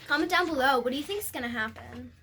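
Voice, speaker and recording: A little girl hosts a video, reading a storybook aloud with halting delivery, repeating and fixing words and tossing casual asides to her viewers. Her voice is high, and there's noise in the background.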